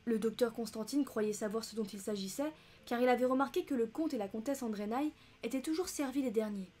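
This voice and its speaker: A woman reading a novel aloud, steady, with casual asides and quick self-corrections. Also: a little high. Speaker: audiobook reader.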